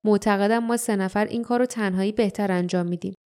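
Tough warrior man, as a woman reads him, firm steady leader, explaining plans, mellow voice, audiobook. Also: medium pitch, close to an everyday voice.

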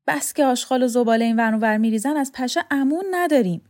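A woman's voice: a little high, darkish tone, pitched above the performer's own voice, natural voice. A woman reading the part of a practical, curt woman in an audiobook. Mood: irritated.

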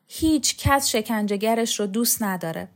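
Woman reading a soft, questioning young woman, storybook. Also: on the high side, animated. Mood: doubtful.

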